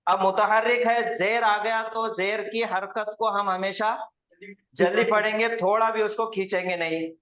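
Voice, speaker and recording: A male Quranic Arabic grammar teacher explains patiently, step by step, and drills pronunciation by slowly repeating words for his students. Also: sits high, fairly even intonation, fairly bright tone. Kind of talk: classroom lesson with students. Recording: roomy, dull lo-fi recording.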